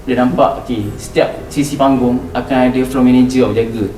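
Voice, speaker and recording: Telling a ghost story as a podcast guest, this young Malaysian man speaks in a mid-range, slightly dark voice that stays steady and runs a little fast. He casually acts out lines and repeats himself, while a far-off mic captures a roomy sound over background music.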